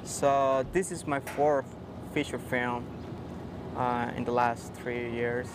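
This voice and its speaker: A man from Rica, a cinematographer speaking haltingly in a casual interview. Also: medium pitch, little pitch movement, over music. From Costa Rica. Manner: halting, laughs easily.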